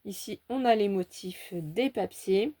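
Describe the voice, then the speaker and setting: A woman with a medium-pitched, dark voice talks a little slowly as she goes through a scrapbooking haul, showing each page with cheerful enthusiasm. It's a casual show-and-tell, and she's chatty and keen, fond of little words like "petite" and "hein".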